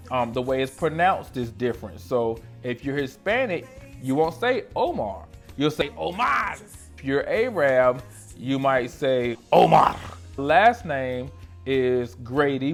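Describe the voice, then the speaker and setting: A man, answering questions about himself in a casual, slangy vlog, talking close to the camera in a small room. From North Carolina, USA. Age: 30s. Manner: playful, slangy, animated, jumps between loud exclamations and low asides. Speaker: esthetician vlogger. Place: small room lit by colored lights. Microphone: camera in front of him at close range.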